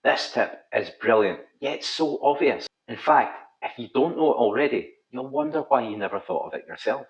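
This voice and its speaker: A man's voice: mid-range voice, animated, moderate pace, gravelly, hardly any pauses. A middle-aged man with a thick Scottish accent, giving scripted instructional narration as a pool coach and video host. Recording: slightly dull, roomy echo.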